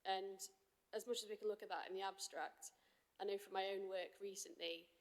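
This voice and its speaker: Brief: unwell woman councillor, husky, earnest, in a reverberant chamber. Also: medium pitch, steady tone, normal speed. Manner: earnest, with self-corrections. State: husky from illness. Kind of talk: committee question. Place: council committee room.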